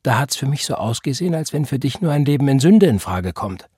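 A man's voice: mid-range voice, very animated, a little fast, warm tone, slightly rough, dry recording, clean studio sound, voice pushed up. A man reading the part of a bitter, defiant young pregnant woman who speaks in a cold, taunting, accusing way.

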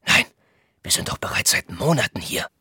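A man voicing an anxious man who confides in hushed, urgent whispers, in an audiobook reading. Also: moderate pace, no echo, clean studio sound. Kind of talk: audiobook character voice.

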